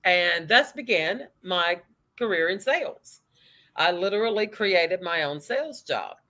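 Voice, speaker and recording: Lady sales coach, lowish voice, chatty storyteller guest. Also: lively intonation, unhurried, sharp tone. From North Carolina, USA.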